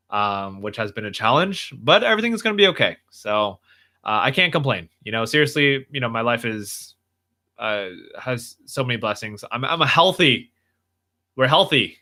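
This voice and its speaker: A man's voice: on the low side, bright, forceful tone. A young man hosting a casual livestream chat, talking earnestly and rambling with many fillers and restarts. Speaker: livestream host.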